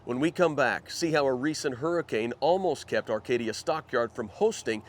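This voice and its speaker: A man's voice: mid-range voice, lively intonation, moderate pace, slight background noise. A man presenting a broadcast show as its host, reading scripted links.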